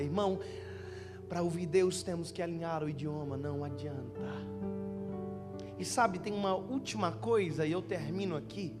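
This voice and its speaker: A young Brazilian pastor with a high voice preaches at a youth conference. He jokes, tells stories and calls his listeners brother. Music plays underneath the live church recording. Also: long reverb tail. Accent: Brazilian Portuguese. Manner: joking, storytelling, addressing listeners as brother. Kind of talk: lively conference sermon.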